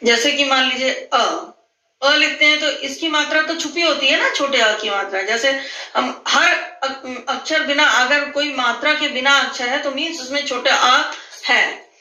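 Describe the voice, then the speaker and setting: A woman teacher with a high, bright voice, patiently taking young children through a Hindi lesson. She repeats each word slowly. Her voice is a little off-mic in an echoey room. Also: distant mic.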